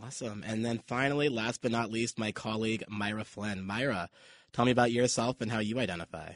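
A man hosting a radio panel discussion, introducing guests with measured, courteous questions. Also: on the low side, dry recording, studio quality. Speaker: radio show host.

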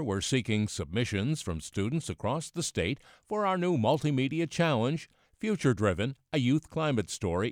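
A man reading scripted station announcements in a loud, dense radio announcer voice. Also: medium pitch, no room sound, clean studio sound.

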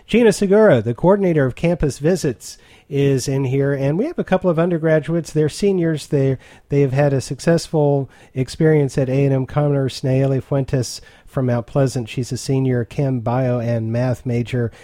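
A man's voice: medium pitch, moderate pace, mellow, no echo. A man hosting an interview, talking conversationally and explaining terms for listeners. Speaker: radio host.

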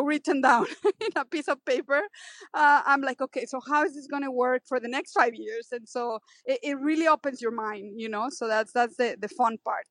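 A high-voiced woman business owner answers interview questions with eager energy, restarting and repeating words as she goes. The sound is close and dry, with no room around her. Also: dry recording. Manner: excited, rambling with repeated words.

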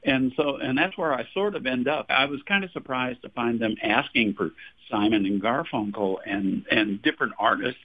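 Over a tinny phone line, a chatty man in his sixties from Texas, a singer-songwriter, tells casual stories during a radio interview. He laughs a lot, restarts his sentences and repeats words when starting them. His voice is medium pitched with a breathy edge, at a moderate pace.

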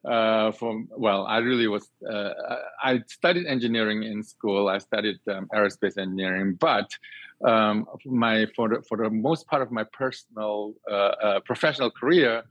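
With a fairly low, fairly even voice at normal speed, a Singaporean guest who cooks and teaches cooking fields interview questions conversationally. He is earnest and expansive, tending to repeat and rework phrases as ideas form. There's no room sound, and the audio is dry, somewhat dull, and band-limited.

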